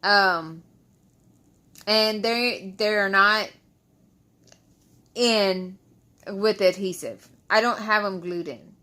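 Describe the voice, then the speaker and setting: Slow, bright-voiced woman with loose dentures. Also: mid-range voice. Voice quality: speech of a loose denture wearer, no adhesive. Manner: frustrated, repetitive complaining. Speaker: vlogger. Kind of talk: casual storytime chat to followers. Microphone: close to the mic.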